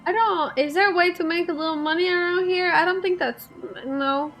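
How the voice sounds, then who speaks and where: High-voiced woman commenting on a game. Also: fairly quick, a bit bright, faint music behind. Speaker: video game player and commentator. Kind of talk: casual playthrough commentary, reading choices aloud.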